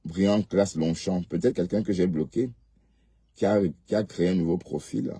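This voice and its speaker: A man's voice: low-pitched, normal speed, dark tone, slightly rough, no echo. A man hosting a casual live stream, reading comments and scolding viewers with rhetorical questions.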